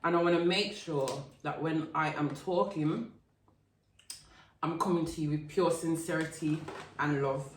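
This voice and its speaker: A woman's voice: low voice, fairly even intonation, unhurried, a little hiss or hum. A woman hosting a casual chat, playful and chatty, eating while she talks, recorded outdoors. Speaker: host. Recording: roomy sound from a distant mic.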